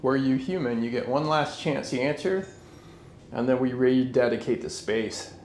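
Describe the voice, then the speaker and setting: A man investigating the paranormal, speaking to a spirit in a firm, measured way. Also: medium pitch, darkish tone, roomy sound, a little hiss or hum. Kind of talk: calm address to a spirit.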